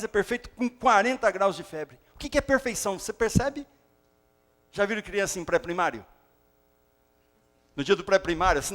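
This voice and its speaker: High-voiced man preaching with animation. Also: in a large hall. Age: 40s. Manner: animated preaching, acts out dialogue. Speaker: pastor. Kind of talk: sermon.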